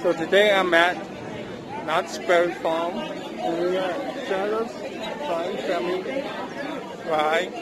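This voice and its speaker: A man hosting a casual food-review vlog, talking slowly and haltingly through a face mask, outdoors at a theme park. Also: high-pitched, steady tone. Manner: slow, halting, with restarts. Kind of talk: casual vlog talk to camera. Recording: loud park music and crowd noise. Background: park music and crowd.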